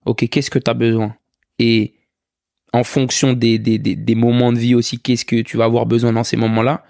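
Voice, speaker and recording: A man in his twenties, a podcast guest from France, talking relaxed and reflective in casual conversation, often checking in with "you see". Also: mid-range voice, normal speed, creaky, no room sound, clean studio sound. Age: 20s. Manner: relaxed, many restarts and "tu vois".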